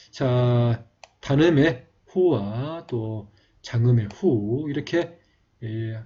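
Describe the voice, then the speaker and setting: Male script teacher, patient explanatory delivery, slightly husky, muffled lo-fi recording. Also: mid-range voice, warm tone. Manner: slow, explanatory, drawn-out vowel demonstrations. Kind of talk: calligraphy lesson. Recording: dull lo-fi recording.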